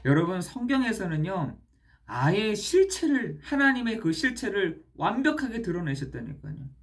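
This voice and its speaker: A pastor preaching at a midweek church service, emphatic and animated, often turning to address the congregation directly. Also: medium pitch, moderate pace.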